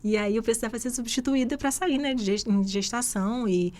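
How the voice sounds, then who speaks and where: Her pitch fairly high and her tone darkish, this Rio de Janeiro native speaks a little fast with a Carioca Brazilian Portuguese accent. She is a guest infectious disease doctor answering interview questions on a live radio podcast, explaining things in a conversational manner.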